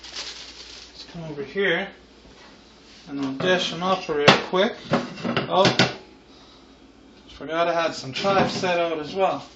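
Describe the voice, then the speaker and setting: A man's voice: slow, pauses often. A man in his thirties chatting casually as host of a home cooking vlog, in a loose, rambling, laid-back stoner manner. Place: home kitchen, indoors. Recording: roomy, muffled camera audio with frying noise. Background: sizzling deep fryer.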